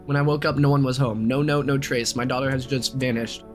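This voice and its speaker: A man's voice: medium pitch, steady tone, a little fast, soft background music, close to an everyday voice. A man voicing a desperate, conspiracy-minded father on the run in a game, urgent and earnest.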